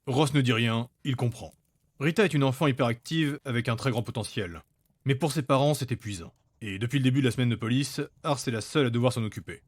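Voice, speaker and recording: A man's voice: mid-range voice, fast, no room sound. A man reading scripted narration for a fantasy audio story.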